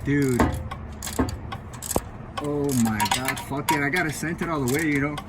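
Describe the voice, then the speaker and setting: A man's voice: fairly high pitch, steady tone, measured pace. A man chatting casually and jokingly in slangy, sweary frat-bro talk while working on a car as an amateur mechanic vlogger. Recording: loud car and tool noise, handheld camera.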